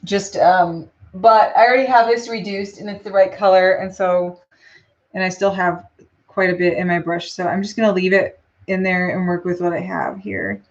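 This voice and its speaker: A woman hosting a live painting tutorial, thinking aloud in a relaxed, chatty way with frequent ums and answering viewer questions. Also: on the low side, normal speed, muffled recording. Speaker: custom lure painter hosting a live stream.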